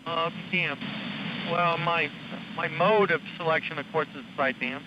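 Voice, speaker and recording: A man's voice: on the high side, fairly even intonation, moderate pace. A man chatting casually on a radio net, hesitant and full of fillers, heard through slightly mistuned sideband radio. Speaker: radio net check-in operator. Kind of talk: casual on-air radio chat. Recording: muffled noisy radio reception.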